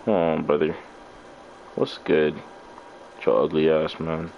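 A man's voice: very deep voice, little pitch movement, takes it slowly, vocal fry, highs cut off, a little hiss or hum. A man commentating his live gameplay, trash-talking opponents in loose, profane slang. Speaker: game streamer.

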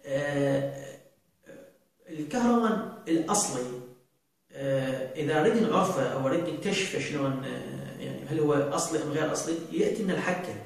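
A man talks through viewer questions, pausing often on long drawn-out fillers. His voice sits a little high for a man and sounds set back from the microphone in a very reverberant room. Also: expressive. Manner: hesitant, many drawn-out fillers and restarts. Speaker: astrologer answering viewer questions. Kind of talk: casual talk show monologue. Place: indoor studio set at a desk. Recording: very roomy, from far off the mic.

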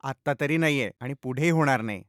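A young man acting a nervous boyfriend in a short film, talking softly and stammering. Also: mid-range voice, fast talker, smooth, dry recording, studio quality, natural voice. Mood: coaxing. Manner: soft, hesitant stammering. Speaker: actor.

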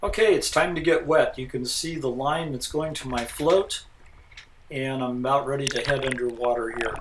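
An older man giving an informal, matter-of-fact explanation as a diver, halting at times. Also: mid-range voice. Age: older, around 70s. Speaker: scuba diver and vlogger. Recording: distant, noisy outdoor camera audio.

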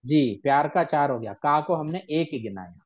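A man teaching a ghazal-writing workshop, patiently counting syllables aloud and reciting lines of verse slowly. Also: fairly high pitch, expressive, lo-fi sound. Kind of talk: online workshop lesson.

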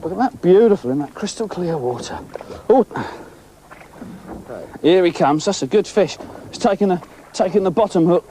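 A man's voice: high-pitched, moderate pace, slight background noise. A middle-aged man hosting an angling show, chatting and commenting on the catch as he fishes from a boat at sea. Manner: chatty, excitable, talks while fishing. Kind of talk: casual on-location commentary.

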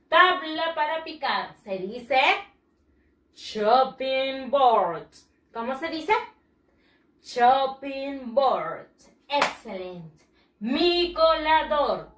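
Woman, children's teacher; high voice, unhurried drill delivery, roomy recording. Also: a bit bright, recorded from a distance. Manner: slow, drawn-out pronunciation drills. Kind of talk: bilingual vocabulary lesson for children. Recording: echoey room.

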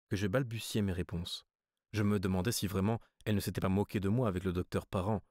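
A man reading a literary story as an audiobook narrator, measured and even. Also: sits low, dry recording, clean studio sound. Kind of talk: scripted narration.

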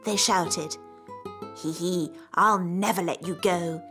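A woman voicing a gentle fairy queen and mother in a cartoon, telling a story with expressive sound effects. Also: fairly low pitch, slow, music in the background. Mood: storytelling.

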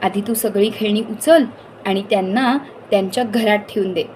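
A woman voicing a cheerful, brisk mother with ideas in a children's story. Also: mid-range voice, darkish tone, a little hiss or hum, lightly acted.

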